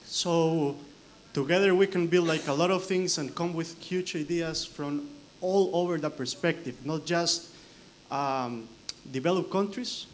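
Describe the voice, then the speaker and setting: A young man from Costa Rica speaks on a conference panel with a fairly high voice. He is earnest and pauses with fillers as he gathers his thoughts. Faint hall ambience hangs behind him. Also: a little hiss or hum. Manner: earnest, searching for words with fillers. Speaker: researcher answering a question.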